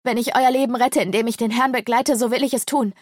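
Give me a woman playing a humble young servant girl, higher pitched and pleading, in a dry audiobook recording. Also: steady tone, quick pace, dry recording, lightly acted. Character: timid young female servant, loyal and tearful.

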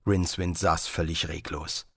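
A man reading a fantasy audiobook as narrator, with expressive storytelling. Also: low voice, moderate pace, gravelly, husky, no echo, clean studio sound.

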